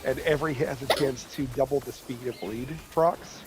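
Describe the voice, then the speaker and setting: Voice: medium pitch, fairly even intonation, normal speed, over loud music, poor audio. A gaming partner chatting casually, thinking aloud about loot and character builds.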